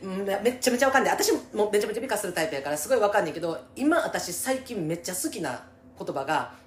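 In an echoey room with a little background noise, a woman talks with a Kansai accent and very lively intonation. She gives casual, empathetic advice as a co-host, emphatic and quick to agree. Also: mid-range voice. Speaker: podcast co-host giving listener advice.

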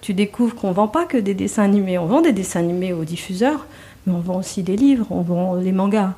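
A woman with a warm, mellow voice tells her story at an easy conversational pitch. She laughs often and circles back on her words, restarting her sentences with plenty of fillers. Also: animated, brisk. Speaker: guest. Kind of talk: conversational interview.

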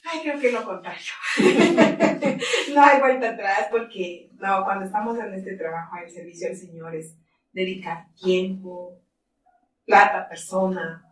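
A woman's voice: medium pitch, slight background noise. Middle-aged woman in a roomy studio. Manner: animated storytelling, laughs often. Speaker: ministry leader. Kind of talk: interview conversation. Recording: roomy, distant mic, faint ambience.

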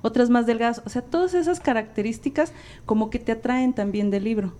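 A woman's voice: a little high, brisk. A woman with a Mexican accent, a former librarian, chatting as a guest and acting out the dialogue in her stories. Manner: lively storytelling, acts out quoted dialogue. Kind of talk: casual chat.

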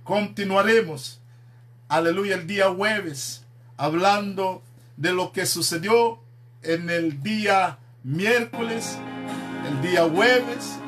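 A man's voice: sits high, slow pace, a bit bright, soft background music. A man preaching a sermon, emphatic and dropping in frequent amens. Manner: emphatic, peppers speech with "amén".

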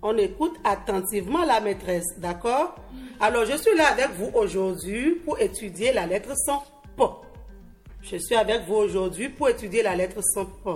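A woman teaching young pupils on a televised lesson, speaking slowly and encouragingly in a studio classroom. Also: medium pitch, expressive, a little mellow, faint music behind. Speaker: primary school teacher.

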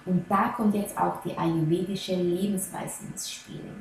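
A woman coaching on Ayurveda, talking gently and earnestly straight to the listener. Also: on the low side, steady tone, measured pace, vocal fry, a little hiss or hum. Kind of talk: slow advice talk to viewer. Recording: very echoey room, faint ambience.

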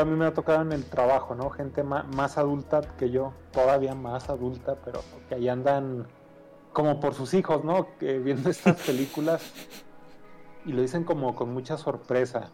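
A man from Mexico with a Mexican accent, a guest on a casual podcast, talking in a relaxed way and giving examples. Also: mid-range voice. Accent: Mexican Spanish.

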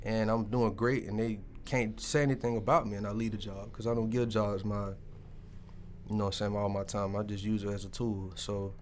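A man's voice: on the low side, a little fast, slight background noise. A man telling personal stories in casual, candid conversation, colloquial and peppered with swearing. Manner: colloquial, sweary, animated storytelling.

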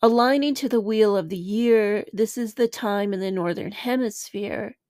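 A woman hosting a spiritual podcast, talking in a soft, unhurried, reflective way that now and then sinks toward a whisper. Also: mid-range voice, no room sound, studio quality. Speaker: podcast host and spiritual teacher. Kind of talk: slow reflective podcast talk.

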